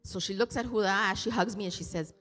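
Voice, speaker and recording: A church interpreter giving a live English rendering of a sermon, halting, with restarts and self-corrections. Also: mid-range voice, sharp tone. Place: church hall. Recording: reverberant hall with background music.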